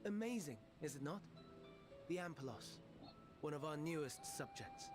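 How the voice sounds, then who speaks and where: A man voicing a calm, courteous scholar who oversees research in a video game, explaining things in a measured, gentle way. His slightly high voice is heard from a distance, with loud game music underneath. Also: close to an everyday voice.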